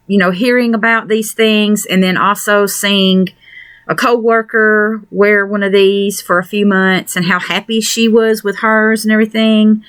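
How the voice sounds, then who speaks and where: A woman's voice: medium pitch, a bit bright, clear, resonant tone, no echo. A woman chatting casually to camera in a product review vlog, rambling with lots of fillers while wearing a face mask. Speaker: vlogger. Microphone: camera mic, wearing a fan respirator mask.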